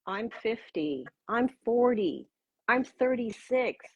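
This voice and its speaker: A sixty-year-old woman speaks as an interview guest over a video call. Her voice is husky and a little breathy, and her talk is chatty and easygoing, full of small fillers. The sound is dry and somewhat dull, like lo-fi livestream audio. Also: a little high, animated, takes it slowly, dry recording. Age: 60s. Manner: chatty, with frequent fillers and laughs. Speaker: guest, pro-age blogger. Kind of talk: casual conversational interview.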